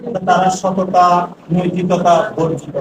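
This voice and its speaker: A man teaching English to a class, asking the same question again and again for the students to answer together, reading the English sentences out slowly. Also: high voice, level tone. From Bangladesh. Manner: drills students with repeated questions. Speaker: English lecturer. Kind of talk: classroom lesson with call-and-response. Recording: echoey classroom from far off, noisy.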